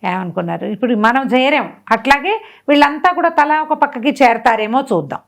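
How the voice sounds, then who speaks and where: Her voice high and her pace a little fast, a woman tells a folk tale like a storyteller chatting with friends. She uses rhetorical questions and acts out the dialogue in an animated retelling.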